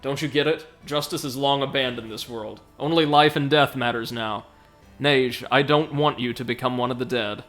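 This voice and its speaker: Man voicing a slow, menacing theatrical villain. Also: mid-range voice, fairly bright tone, soft background music, lightly acted. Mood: cruel gloating. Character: gloating male robot-empire villain, cruel, taunting, theatrical.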